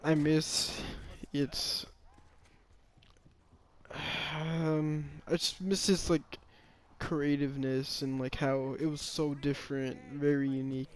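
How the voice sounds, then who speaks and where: A man's voice: fairly high pitch, flat delivery, unhurried, hardly any pauses. A man giving a casual, rambling opinion monologue about a game, often hesitating, restarting and sighing.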